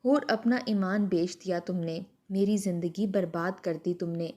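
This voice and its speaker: A man's voice: high voice, steady tone, mellow. Woman voicing a heartbroken young husband. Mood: angry. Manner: emotional, pleading. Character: heartbroken young husband, pleading then resigned.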